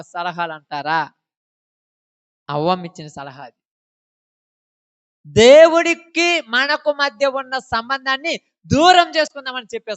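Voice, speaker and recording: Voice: high voice, sharp tone, clear, resonant tone, highs cut off. A preacher, delivering a sermon and firing rhetorical questions at the congregation.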